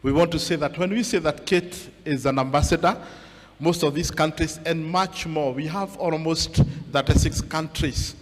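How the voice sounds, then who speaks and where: Man, event emcee, directs the crowd, slightly high voice, echoing hall. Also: normal speed. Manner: mixes in Swahili, directs the crowd. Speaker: master of ceremonies. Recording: reverberant hall with PA.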